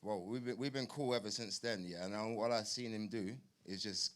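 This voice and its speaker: A man talks in a lowish voice at a boxing press conference. He is informal and playful, often repeating a phrase for effect. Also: steady tone, a little fast, a bit bright.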